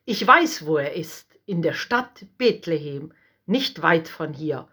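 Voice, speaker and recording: A scheming old king who hides his fear behind loud, commanding demands, as a woman reading a storybook puts him on. His voice sits higher than the reader's own and turns sly when he asks for favours, at an unhurried pace. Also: lively intonation, breathy edge, heavily acted.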